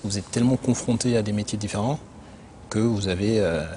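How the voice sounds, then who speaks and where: A man who grew up in Benin, an internal auditor answering interview questions in a measured, explanatory way with frequent hesitations. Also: fairly low pitch, dark tone, slight background noise. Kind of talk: corporate career interview.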